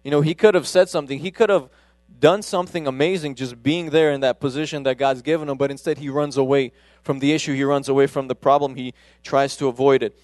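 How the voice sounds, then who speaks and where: A man preaches in a relaxed, conversational way, often stopping and restarting his sentences. His voice is smooth and resonant. It is recorded dry and close, with little room sound. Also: mid-range voice, fast talker, no room sound. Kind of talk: casual sermon.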